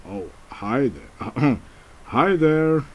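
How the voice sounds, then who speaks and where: Rich: A proper, courteous male go-between, voiced by a man in a homemade puppet drama. He speaks slowly and formally, with wide swings in pitch. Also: animated, muffled recording.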